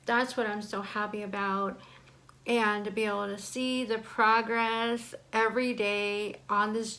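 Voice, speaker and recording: A woman in her forties speaks in a casual, candid vlog style, sharing personal things directly with viewers. Her mid-pitched voice carries slightly awkward articulation, as from talking with braces and bite blocks in her mouth. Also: a bit bright, low-quality recording. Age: 40s. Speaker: vlogger. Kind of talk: casual chat to camera.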